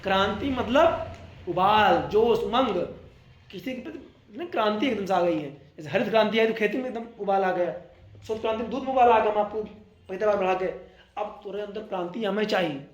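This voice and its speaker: A man teaching a class, explaining with lively everyday examples and acted-out asides. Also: high-pitched, a little fast. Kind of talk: classroom lecture. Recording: echoey classroom.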